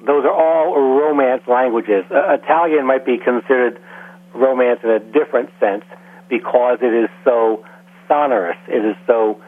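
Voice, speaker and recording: Husky man on a phone-like line. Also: medium pitch. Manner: measured, explanatory, with frequent fillers. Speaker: guest language expert. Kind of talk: casual radio interview.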